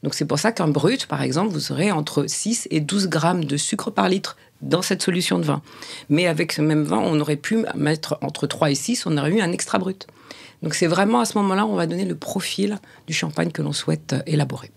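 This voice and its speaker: A woman with a gravelly, slightly husky voice talks through a process in an interview. She stumbles and restarts her phrases often, repeating small words as she searches for the right term. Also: low voice. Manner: halting, frequent restarts. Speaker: champagne producer. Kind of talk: explanatory interview talk.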